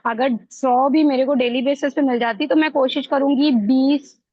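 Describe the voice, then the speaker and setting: Fairly high-voiced woman from Lucknow on a call. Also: fairly even intonation, normal speed, dry recording, dull audio. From Lucknow, India. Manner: polite, mixes English into speech. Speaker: sales trainee. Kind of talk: casual call chat.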